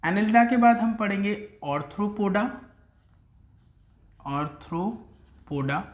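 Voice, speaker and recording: A male teacher giving a classroom lecture, drilling terms by slow repetition and calling students "beta". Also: high voice, expressive, roomy sound, muffled recording.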